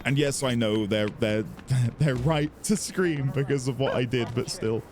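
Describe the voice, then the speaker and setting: A man's voice: medium pitch, measured pace, darkish tone. A man giving casual, musing gameplay commentary as a let's play host, chatty and prone to mild swearing. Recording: game music behind the voice.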